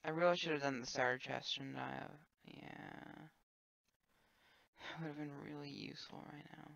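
A woman streaming a sandbox game, thinking aloud in a low-key, wry way with trailing filler words. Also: fairly even intonation, normal speed, creaky, fairly bright tone, no echo. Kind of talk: casual gameplay commentary. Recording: dull lo-fi dry mic.

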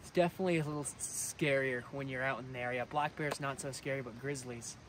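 A young man in a casual outdoor vlog, chatting excitedly to his viewers, calling them guys. His voice sits at an everyday middle pitch, caught on an action camera with a faint hiss of wind and open air behind him. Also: fast talker. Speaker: fishing vlogger. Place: riverbank outdoors, then inside a truck camper.

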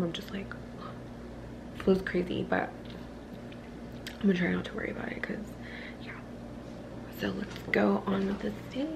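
A young woman with a hoarse voice chatting casually in a vlog about her new business, often dropping to a soft half-whisper. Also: medium pitch, noisy background. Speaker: vlogger, sugaring business owner. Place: in a car in traffic.

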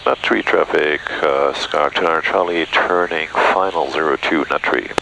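A young pilot speaks in a very deep, gravelly voice through a headset boom mic. He gives clipped radio calls full of "uh"s and casual asides, with a heavy engine drone behind him in the cockpit. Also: normal speed, pushed and bright, slight background noise, rough recording. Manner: clipped radio phrasing with frequent "uh" fillers. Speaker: pilot and show host. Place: small plane cockpit in flight.

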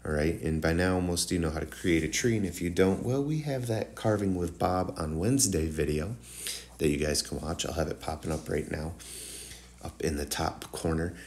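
The host of a woodworking tutorial channel gives a casual, rambling voice-over, talking straight to viewers. His voice sits low with a darkish tone and a moderate pace, and it sounds slightly nasal and congested, like a morning voice.

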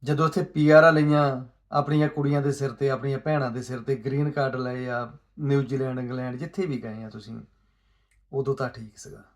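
A man giving an earnest, pleading social commentary monologue, asking rhetorical questions and moving between soft asides and raised emphasis. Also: mid-range voice, fairly even intonation, brisk.

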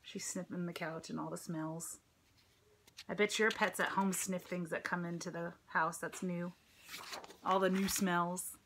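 Her voice is on the low side and a bit bright, with little pitch movement and a measured pace, plus slight background noise. She is a middle-aged American teacher reading a picture book expressively to kids, with chatty asides and questions. A phone or tablet at arm's length records her in a home room with a dresser and ceiling fan.

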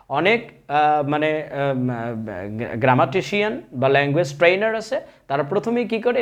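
High-voiced man teaching spoken English. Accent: Bangladeshi. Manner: explains grammar step by step, often quizzing his viewers.

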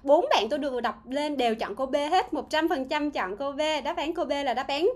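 Her voice pitched high, an English teacher streams a grammar class live. She goes through what viewers answered, poses questions to them, and slowly repeats words.

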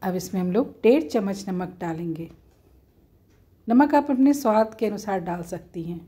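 A woman's voice: medium pitch, expressive, normal speed, mellow, husky. A woman at home, talking viewers through a cooking recipe step by step in a plain, homely, instructive way. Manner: homely, instructive, often says "dekhiye".

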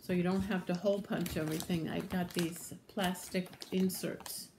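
A woman teacher reading a picture book aloud to young children, animated, with gasps and whispered asides, and speaking to the children directly to encourage them. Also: lowish voice, moderate pace, background noise.

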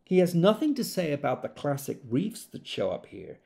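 In an audio drama monologue, an actor plays an earnest, exasperated government geologist who explains things conversationally. His fairly high voice is gravelly yet a little mellow, swinging widely in pitch at a normal speed.

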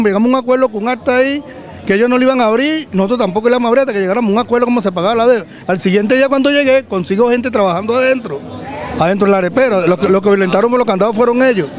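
A man in his thirties with a Venezuelan accent, urgently complaining in a street interview into a handheld mic in a city plaza. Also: very high voice. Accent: Venezuelan Spanish. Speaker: cooperative member. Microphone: handheld reporter mic.

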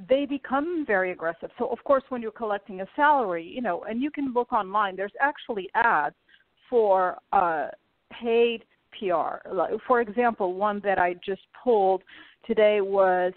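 Female guest from Portugal, mid pitch, hesitant, tinny phone-quality line. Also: no echo. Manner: hesitant, many fillers. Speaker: podcast guest. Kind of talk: remote interview.

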